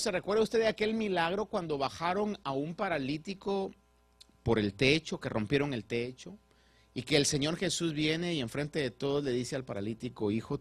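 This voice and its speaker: A man preaching a sermon as pastor, swinging between loud and soft and putting rhetorical questions to the congregation. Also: mid-range voice, breathy edge.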